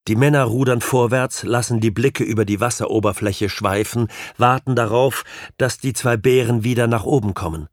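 A man reading a novel aloud as an audiobook narrator, in measured, even storytelling. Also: mid-range voice, dry recording, clean studio sound. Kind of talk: scripted literary narration.

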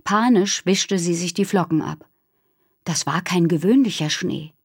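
A woman narrating a children's novel in an expressive storytelling manner. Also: on the low side, measured pace, slightly rough, no room sound, studio quality. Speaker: audiobook narrator. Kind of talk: scripted narration.

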